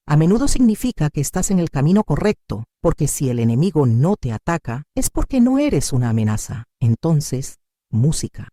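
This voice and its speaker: A woman's voice: sits low, mellow, dry recording, studio quality. A woman giving scripted devotional narration, preaching in a dramatic, emphatic way.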